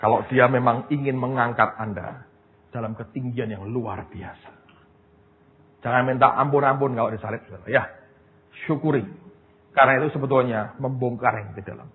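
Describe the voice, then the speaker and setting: A man preaching a sermon as pastor, telling stories in a lively way and often turning to his listeners as brothers and sisters. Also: mid-range voice, moderate pace. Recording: tinny phone-like sound, long hall reverb, faint noise.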